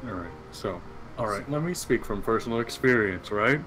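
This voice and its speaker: A man co-hosting a game stream in casual chat, blunt and teasing with quick asides. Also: on the low side, animated, over music, poor audio.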